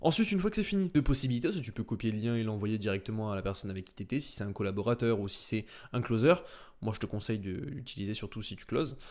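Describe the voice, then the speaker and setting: Fast-talking man giving a casual tutorial. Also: on the low side, lively intonation, a little mellow. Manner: rapid, filler-heavy, with sound words like "boum" and "tac". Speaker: sales coach. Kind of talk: casual screen-share tutorial.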